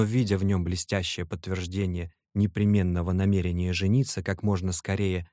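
A man narrating a classic novel in a measured, even storytelling manner. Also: low voice, no echo, studio quality. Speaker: audiobook narrator. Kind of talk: literary narration.

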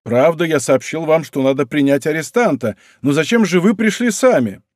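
A man voicing a bold, teasing musketeer captain who talks in a brisk, rough-affectionate way. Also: a little high, lively intonation, a little mellow, dry recording, clean studio sound, close to an everyday voice. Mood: bantering.

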